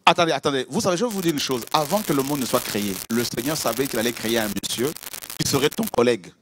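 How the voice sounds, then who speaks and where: A man preaching a sermon, acting out prayers and exchanges with God, swinging from loud outbursts to hushed asides. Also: mid-range voice, quick pace, noisy background. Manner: animated, acts out prayers and dialogues with God.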